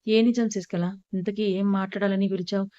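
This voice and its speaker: A woman's voice: mid-range voice, fairly even intonation, fairly quick, warm tone, no echo, lo-fi sound, close to an everyday voice. A woman reading the lines of a devoted young man who speaks earnestly and with hurt. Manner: earnest, pleading.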